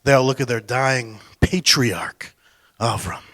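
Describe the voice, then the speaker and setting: A man giving a storytelling speech at a competition, dramatic and swinging between loud declarations and hushed asides. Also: medium pitch, unhurried, dry recording. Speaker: public speaker.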